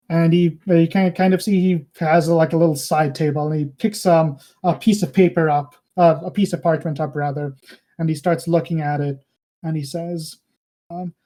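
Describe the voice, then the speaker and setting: A woman's voice: on the low side, warm tone. A woman narrating a tabletop game as game master, hesitant, with many fillers and restarts.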